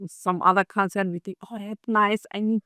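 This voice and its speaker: A woman raised in Germany, speaking English as a second language, talks as a guest in a relaxed chat. She hesitates often, filling gaps with little fillers and laughing easily. Her voice is smooth and clear, picked up dry and close. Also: medium pitch, moderate pace, no room sound. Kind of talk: casual interview chat.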